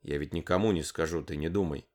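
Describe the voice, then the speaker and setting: A man's voice: very deep voice, fast talker. A man reading the part of a gangly young man who is hesitant and earnest as he makes his case. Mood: awkward, earnest.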